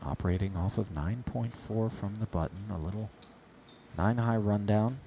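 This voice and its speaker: A man's voice: fairly low pitch, normal speed, mellow, a little hiss or hum. A man giving play-by-play poker commentary with wordy, ornate phrasing.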